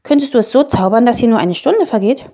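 A woman voicing a bold, scheming young girl in a storybook reading, eager and brisk. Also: on the high side, animated, mellow, pitched above the performer's own voice.

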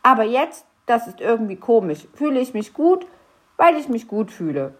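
A woman voices a small, fretful, grumpy male elf who stammers anxiously and sounds puzzled. Her delivery is sing-song and a little high, at normal speed, pitched above her own natural voice.

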